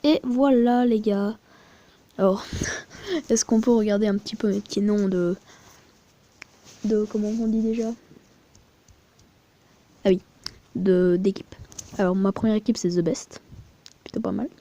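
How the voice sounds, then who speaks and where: A woman's voice: medium pitch, fairly even intonation, unhurried, pauses often, dark tone, lo-fi sound. A woman giving crude, rambling, chatty commentary while showing her mobile game, with muttered asides. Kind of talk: casual screen-recording commentary.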